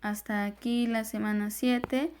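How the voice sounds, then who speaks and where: A woman's voice: a little high, fairly even intonation, a little slow, a little mellow, a little hiss or hum. A woman with a Honduran Spanish accent, teaching a recorded grammar lesson as a voice-over on slides, patiently explaining step by step.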